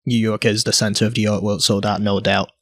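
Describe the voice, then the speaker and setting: A young man from Hong Kong, a guest artist in a casual interview, talking haltingly with many fillers and restarts. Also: fairly low pitch, level tone, no room sound, clean studio sound.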